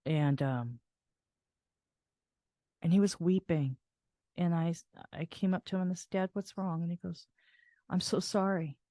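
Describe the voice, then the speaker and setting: Soft reflective older woman storyteller. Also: on the low side, normal speed, pauses often, no room sound, clean studio sound. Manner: reflective, soft-spoken with frequent laughs and restarts. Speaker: podcast host and caregiver. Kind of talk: personal storytelling.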